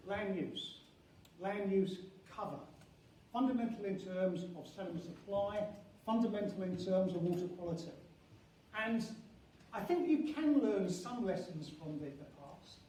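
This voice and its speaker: Here a university professor in charge of a geography school, an older man, gives a conference lecture with a soft, high-pitched voice, often restarting and leaning on key words. The large indoor venue echoes heavily, the microphone sits at a distance, and faint noise is audible.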